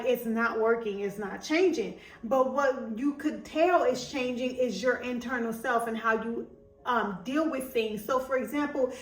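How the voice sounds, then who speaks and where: A young woman hosts a podcast, giving a casual motivational monologue that's chatty and emphatic, full of asides, with a country twang that comes and goes. Her voice is a little high, recorded in an echoey room far from the mic.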